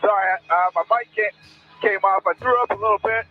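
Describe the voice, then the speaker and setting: A man's voice: high voice, steady tone, a little fast. A man in his twenties talks over a cockpit headset radio. He speaks in a hesitant, rambling way, with many fillers. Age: 20s. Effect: cockpit radio transmission over headset. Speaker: pilot of a small plane. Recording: muffled air traffic radio recording with music beneath.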